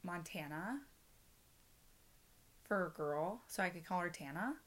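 A young woman in her early twenties hosts a relaxed chat with a friend, her voice bright and ringing. She jokes and giggles often, and her pitch swings widely as she talks. She speaks into a tabletop podcast mic. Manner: giggly, playful, quick to joke. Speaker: podcast host. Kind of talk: casual chat.

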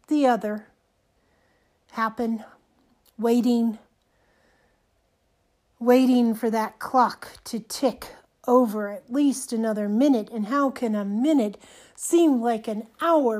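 An older woman with a hoarse, nearly gone voice, hosting a personal podcast in short, halting, reflective phrases. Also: fairly high pitch, darkish tone. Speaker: podcast host.

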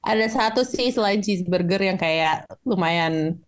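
A woman's voice: fairly low pitch, unhurried. A woman chatting about a film, rambling and searching for words, mixing in English. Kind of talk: casual film discussion.

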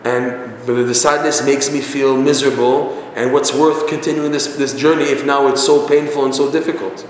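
A man's voice: medium pitch, flat delivery, normal speed, few pauses. A man teaching a religious lesson through a story, conversational with frequent restarts. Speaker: Torah teacher. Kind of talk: storytelling sermon. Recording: echoey hall, faint noise.

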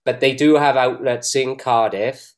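A man's voice: medium pitch, fairly even intonation, measured pace. A man co-hosting a beer review show, chatty and jokey, often laughing. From Wales. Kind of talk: casual banter.

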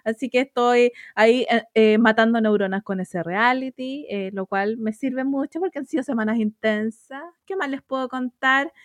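A young woman with a Chilean accent, co-hosting a casual chat and telling animated stories with slangy asides. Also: on the high side, dry recording, studio quality. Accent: Chilean Spanish. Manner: animated storyteller, quick slangy asides and laughter. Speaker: podcast co-host. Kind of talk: casual chat among friends.

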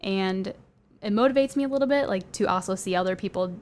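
A woman's voice: mid-range voice, fast talker, darkish tone, slight background noise. A young woman guest in a casual podcast chat, talking openly with many fillers. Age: young adult. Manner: chatty, many "like" fillers, light laughs.

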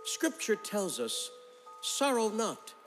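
Solemn funeral minister, measured delivery, fairly high voice, echoing hall, instruments behind. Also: male voice, sing-song, exaggerated voice. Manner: slow, grave, measured delivery. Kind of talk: musical theatre cast recording. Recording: reverberant stage recording with music.

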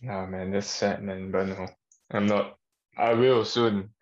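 A man's voice: on the low side, steady tone, slow, highs cut off. A young man chatting on a casual podcast, laid-back and mumbling, often trailing off.

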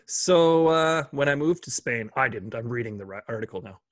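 A man's voice: medium pitch, animated, moderate pace, dry recording. A man hosting a casual chat, curious and playful, stumbling over Spanish words while reading from an article. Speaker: host.

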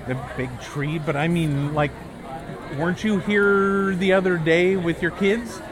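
A man hosting a casual walk-around chat outdoors, rambling in a halting way. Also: high-pitched, rough recording. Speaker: podcast host. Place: outdoors walking through a busy theme park. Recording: outdoor park noise and crowd.

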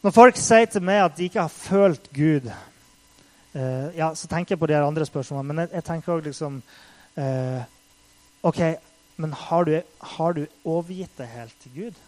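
Man giving a relaxed youth-style sermon, slightly high pitch, talky and earnest, rising to loud passages. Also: rough recording. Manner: conversational, many fillers, acts out quotes with rising intensity. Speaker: preacher. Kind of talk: casual sermon.

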